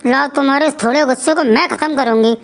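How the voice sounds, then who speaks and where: High squeaky cartoon wife, bossy and naggy, fires off questions. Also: female voice, fast talker, creaky. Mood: scolding. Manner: demanding, sharp scolding. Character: bossy scolding wife, young adult woman.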